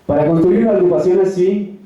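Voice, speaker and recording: Young man, declamatory political speech, very dark tone, very echoey distant hall recording. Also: high-pitched, brisk. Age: young adult. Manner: declamatory, formal, rallying. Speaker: youth political activist giving a speech. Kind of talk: political rally speech, reading a manifesto. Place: large echoing hall at a rally. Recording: echoey hall, distant mic, dull sound.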